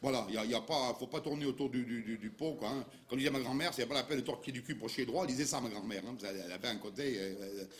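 A man's voice: mid-range voice, rapid-fire, few pauses. A man with a Dauphiné French accent doing a comic monologue, rambling, repeating himself and stammering through restarts, full of regional slang. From Dauphiné, France. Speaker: comedian.

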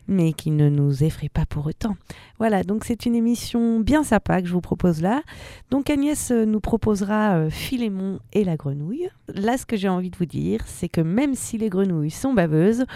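Woman host for a kids' radio show, friendly and chatty, mellow tone. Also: mid-range voice, vocal fry, no room sound, studio quality. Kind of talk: children's radio show intro.

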